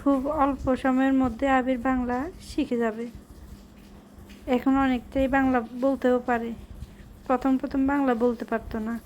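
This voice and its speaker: Female vlog host, high voice, plain instructive delivery, slightly noisy home-video sound. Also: little pitch movement, unhurried, a little mellow, lo-fi sound. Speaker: vlog host teaching a child Bengali. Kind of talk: home vlog narration with simple repeat-after-me prompts.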